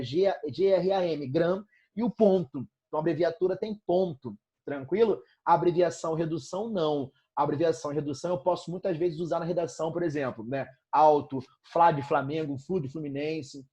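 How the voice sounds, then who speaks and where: A man with a Brazilian Portuguese accent teaching a live online grammar review, energetic and checking in constantly with his students. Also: on the high side, muffled recording.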